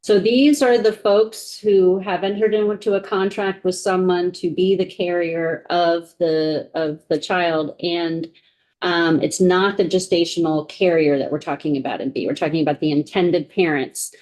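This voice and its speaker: Woman, lower-pitched, legislative counsel, committee hearing, bill walk-through, halting delivery, thinking aloud. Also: steady tone, a little mellow.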